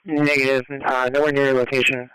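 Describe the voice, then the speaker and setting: A man's voice: medium pitch, flat delivery, a little fast, sharp tone, a little hiss or hum, low-quality recording. A man speaking in terse, coded exchanges over a two-way police radio.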